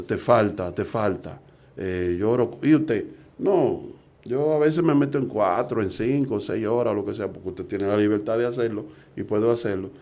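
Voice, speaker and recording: A middle-aged evangelist preacher from the Dominican Republic speaks in a lowish, mellow voice. He preaches earnestly, posing rhetorical questions.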